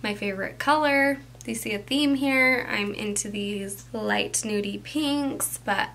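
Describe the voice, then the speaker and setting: A young woman talking through a makeup tutorial at home, chatty and enthusiastic, sometimes dropping to a soft whisper. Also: mid-range voice, unhurried, creaky, a little hiss or hum. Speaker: beauty vlogger.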